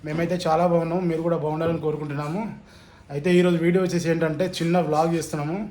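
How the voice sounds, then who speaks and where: A woman's voice: sits low, little pitch movement, racing, dark tone, a little hiss or hum. A woman with a Telangana Telugu accent filming a casual home vlog, chatting to the camera and coaxing and teasing her children. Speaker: family vlogger.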